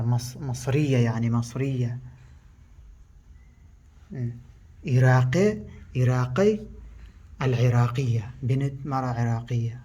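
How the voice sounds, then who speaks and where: Male language teacher, native Pashto speaker, husky voice at a middle pitch. Slow, halting, repetitive delivery. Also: darkish tone. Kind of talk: language lesson.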